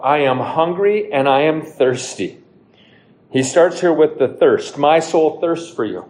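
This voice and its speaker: A man's voice: fairly high pitch, mellow, reverberant, rough recording. A man preaching a sermon to his congregation, asking rhetorical questions and quoting scripture. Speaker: pastor.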